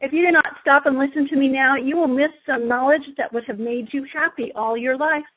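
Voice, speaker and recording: A woman's voice: high-pitched, fairly even intonation, fairly quick, no echo, muffled recording, pitched above the performer's own voice, lightly acted. A woman voicing a proud, tempting evil witch queen from a storybook, with an imperious, persuasive manner. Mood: commanding.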